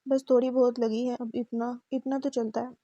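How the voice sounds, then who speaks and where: A woman's voice: a little high, flat delivery, moderate pace, mellow, no echo, natural voice. A woman voicing a proud, guarded young woman who answers in snappish, short lines, read from a novel. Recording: dull muffled recording.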